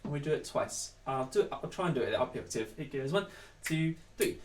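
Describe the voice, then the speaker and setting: A man's voice: on the high side, animated, brisk, a little hiss or hum. A man leading an online singing lesson, counting in and singing lines to demonstrate. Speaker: choir leader. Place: home room. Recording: roomy, distant mic with backing music.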